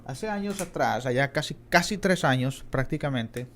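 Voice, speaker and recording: A man's voice: mid-range voice, expressive, normal speed, a bit bright, a little hiss or hum. A middle-aged man preaching a Bible class in a church, earnest and emphatic, often addressing his listeners as brothers. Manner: earnest, repeats "hermanos" often, emphatic rises on key words. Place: church in Texas.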